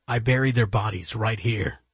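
A man's voice: lowish voice, normal speed, breathy edge, no echo. A man doing a grave older father. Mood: earnest. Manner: grave, earnest. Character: older male retired agent, weary father.

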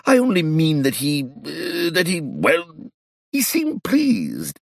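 A man voicing an excitable elderly male illusionist who talks in a theatrical, flustered way and drops French phrases. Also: medium pitch, breathy edge, dry recording, clean studio sound, voice pushed up, heavily acted. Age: older.

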